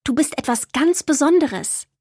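A woman's voice: high-pitched, moderate pace, darkish tone, dry recording, pitched above the performer's own voice, natural voice. Storybook girl, eager and caring, played by a woman narrator; dry booth sound. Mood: excited. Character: young girl, curious and caring.

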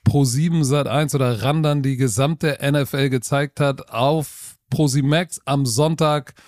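A middle-aged German man, a football coach and TV expert, telling his story as a guest in a relaxed, self-deprecating way. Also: mid-range voice, unhurried, no echo, clean studio sound. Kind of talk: casual interview talk.

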